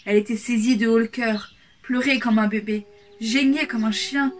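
A woman reading a fairy tale aloud in a calm, measured way. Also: a little high, heavy background noise. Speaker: storyteller. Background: soft background music.

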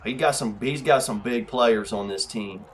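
A man giving live commentary over his own video game match, excitable and trash-talking, shouting at big plays. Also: medium pitch, moderate pace. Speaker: gaming YouTuber.

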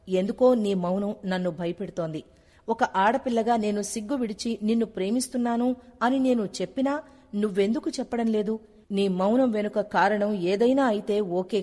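A woman's voice: mid-range voice, a little mellow, in a large hall, close to an everyday voice. A woman reading a pleading young wife.

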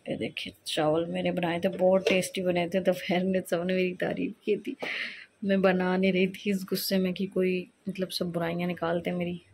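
A young woman chatting quietly in a home kitchen during a cooking vlog, a little congested from a cold and often losing her words. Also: fairly low pitch, flat delivery, moderate pace, a little hiss or hum. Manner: soft-spoken, talking quietly while others sleep; chatty, forgetful, mixes in English phrases. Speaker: vlogger. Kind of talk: casual cooking vlog chat.

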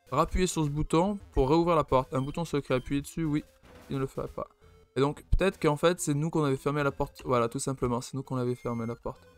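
A man with a French accent hosting an unscripted let's play, thinking aloud with many fillers and restarts. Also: mid-range voice. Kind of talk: unscripted gameplay commentary.

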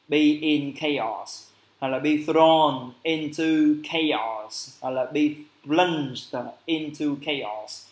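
A man teaching an English vocabulary lesson on a livestream, lively and chatty, stretching out English phrases slowly. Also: fairly high pitch, reverberant.

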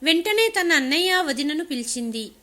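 Woman reading a family story, high bright voice, steady pace. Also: moderate pace. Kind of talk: scripted story narration.

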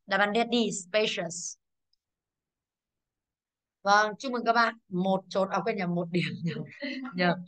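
Woman, English teacher, classroom, quizzing pupils, fairly high voice. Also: a bit bright. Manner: quizzing pupils, drilling pronunciation. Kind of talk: classroom lesson.

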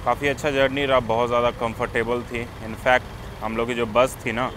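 A man's voice: mid-range voice, level tone, moderate pace. Chatty male travel vlogger over traffic. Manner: chatty, informal, narrating the trip as it happens. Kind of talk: casual travel vlog narration. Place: on a bus and roadside by a highway. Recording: traffic noise around the voice.

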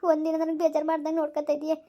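A woman's voice: sits high, monotone, racing, dark tone, close to an everyday voice. A young woman, acting a tearful, pleading pregnant wife in a village skit.

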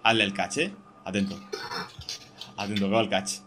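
A young man, hosting casual co-op gameplay chat, excitable and jokey, talking through every move. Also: fairly low pitch, moderate pace, background noise. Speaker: gaming podcast host.

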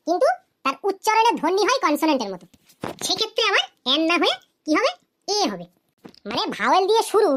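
This cartoon grammar teacher has a very high, fairly bright voice and a quick pace. She asks the class repeated questions, answers each one herself, and says the English examples slowly. A little hiss or hum is audible.

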